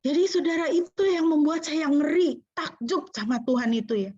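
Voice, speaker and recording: A woman's voice: high-pitched, moderate pace, a little mellow, no room sound, muffled recording. A middle-aged woman pastor from Indonesia preaching a sermon, telling a personal story and acting out the voices of people she quotes. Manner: storytelling, acting out quoted speech, emotional emphasis.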